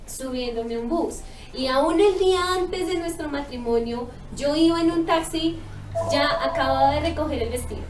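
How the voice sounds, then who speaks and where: A woman's voice: sits high, moderate pace. A woman giving a heartfelt personal testimony, telling her story earnestly and acting out the dialogue. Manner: earnest, emotional storytelling with lively quoted dialogue. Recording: echoey room, mic far off, faint noise.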